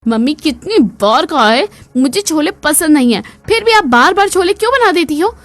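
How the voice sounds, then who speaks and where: A woman's voice: high voice, a little fast, dry recording, close to an everyday voice. A woman voicing a spoiled young college daughter in a cartoon, whiny and petulant.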